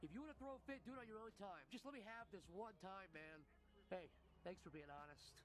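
High-voiced needy alien door played by a man. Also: quick pace, close to an everyday voice. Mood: defensive. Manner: repetitive, pleading, stammering. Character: needy, insecure red talking alien door creature.

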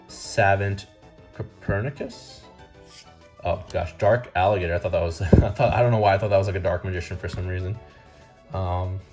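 A young man hosting his channel, casually rambling as he opens trading card packs, with fillers and restarts. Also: low-pitched. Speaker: card-opening channel host. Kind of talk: casual unboxing commentary.

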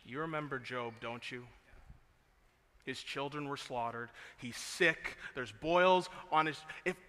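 A pastor preaching a sermon, moving from quiet earnest passages to loud, emphatic peaks. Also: male voice, medium pitch, slow pace. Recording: long hall reverb.

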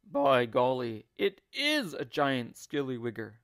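A man's voice: medium pitch, huge pitch swings, takes it slowly, a bit bright, no room sound, clean studio sound, heavily acted. A man doing a nasty, scornful old husband. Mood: gleeful grumpy.

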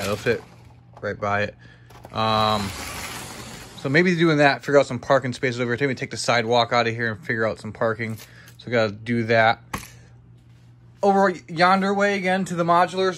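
A man's voice: mid-range voice, fairly bright tone. A young man hosting a casual, chatty walkthrough vlog, thinking aloud as he films his tabletop model city with a handheld phone indoors. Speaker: YouTuber showing his toy brick city.

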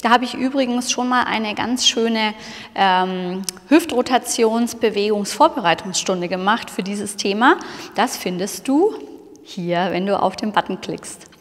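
A woman's voice: mid-range voice, a little slow. A woman leads a dance-movement class, talking the listener through hip rotations with cheerful cues and counts. Her voice rings out in a large room with a long hall reverb trailing after each phrase. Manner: encouraging, counts and cues the moves, often says "wonderful". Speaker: dance instructor.

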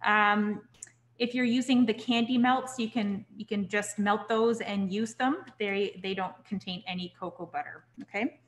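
A young woman teaching a cooking class in a kitchen, relaxed and chatty, checking in with "okay?" as she goes. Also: medium pitch, normal speed. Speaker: cooking instructor. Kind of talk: live online cooking class.

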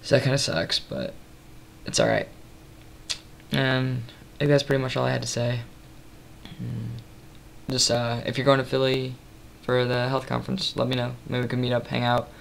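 Speaking in a monotone at normal speed, a vlogger in his twenties records a late-night webcam update in a cramped room using the built-in mic up close. Exhaustion gives his voice slight rasp and thick gravelly fry, and he meanders quietly with many ums. A faint hiss runs underneath.

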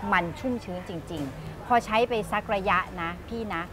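A woman in her fifties, a show host, making a chatty and persuasive sales pitch that keeps repeating its key points. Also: expressive, normal speed, over music. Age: 50s.

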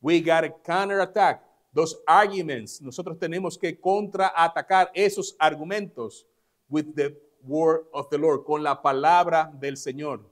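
A male pastor whose native language is Spanish delivers an emphatic sermon at a church service, speaking each line in English and then repeating it in Spanish. His voice is on the high side and his pace is measured, and he stresses key words in this bilingual sermon.

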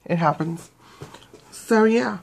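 A woman's voice: medium pitch, takes it slowly, vocal fry, a little mellow. A young woman giving a casual beauty product review, rambling with fillers and self-corrections. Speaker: beauty vlogger.

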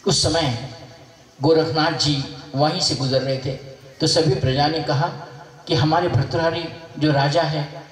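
A man's voice: fairly high pitch, fairly even intonation, a little slow. A man, a spiritual teacher, telling a devotional story in a sermon and acting out its voices. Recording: echoey hall, mic far off.

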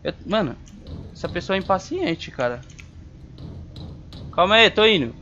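A man's voice: high-pitched, very animated, moderate pace, pushed and bright. A man giving casual, jumpy let's-play commentary on a horror game, talking back to the game in slang. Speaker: gamer playing a horror game. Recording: slightly dull home recording with faint noise.

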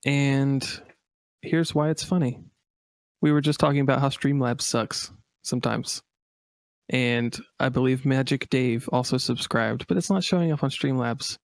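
A man co-hosting a casual gaming podcast, playful and upbeat as he reads out subscriber shout-outs and riffs on jokes. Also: mid-range voice, measured pace, creaky, no room sound. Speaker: podcast co-host.

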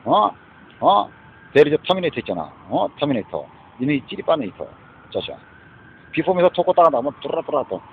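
A man's voice: fairly high pitch, sing-song, normal speed, a little hiss or hum. A man speaking with a Korean accent in an angry, rambling rant. He curses a lot and keeps tagging his lines with a challenging "eh?". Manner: cursing, mixing Korean and English, constant "eh?" tags. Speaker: street preacher-style ranter. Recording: dull lo-fi recording.

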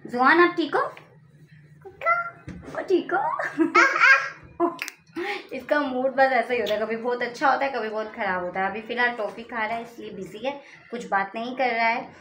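A woman's voice: fairly high pitch, steady tone, fast, background noise. A young woman chatting casually in a home vlog, coaxing her toddler in a sing-song voice. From Pakistan. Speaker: family vlogger and mother. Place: home by a window. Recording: loud background music. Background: loud music.

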